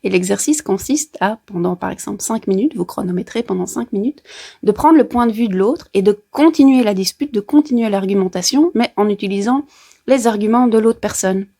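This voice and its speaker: A woman's voice: medium pitch, brisk, creaky, dark tone. Playful woman with a Brussels French accent. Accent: Brussels Belgian French. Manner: playful, chatty, with colloquial asides and sound effects. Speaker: therapist and astrology vlogger. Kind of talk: casual explanatory video talk to viewers.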